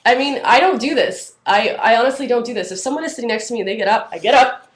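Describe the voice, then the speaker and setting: A woman's voice: a little high, fast. A young woman ranting casually about everyday annoyances in an exasperated, conversational and emphatic way. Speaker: vlogger.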